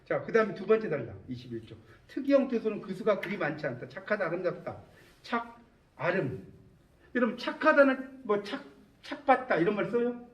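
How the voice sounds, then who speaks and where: High-voiced male lecturer, distant and echoey. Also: big pitch swings, fairly quick. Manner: questioning students often, checking understanding. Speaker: university lecturer. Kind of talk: classroom lecture. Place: lecture room. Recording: distant, echoey, dull classroom recording.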